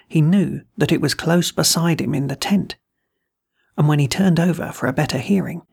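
A gravelly, husky voice reads a classic ghost story aloud. The delivery is measured and deliberate, as a host narrating a tale. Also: mid-range voice, darkish tone. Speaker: host and reader of a horror story.

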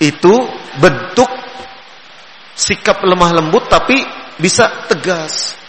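A man giving a gentle sermon on raising children, repeating key phrases and drawing out his tones. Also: high voice, expressive, slight background noise. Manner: gentle, repetitive teaching with drawn-out tones. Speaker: Islamic preacher. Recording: echoey hall with long reverb.

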